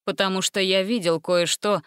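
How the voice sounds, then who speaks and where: A woman doing a grim, deadpan young man. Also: medium pitch, moderate pace, clear, resonant tone, no echo, clean studio sound, lightly acted. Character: gloomy young man prisoner.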